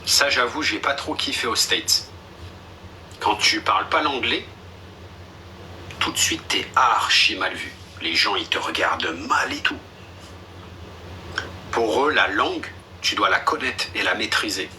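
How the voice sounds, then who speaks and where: A man's voice: lowish voice, expressive, a little slow, pauses often, bright, forceful tone. A young man chatting casually on a live stream, blunt and slangy, with a dismissive streak. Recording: a bit distant with faint background noise.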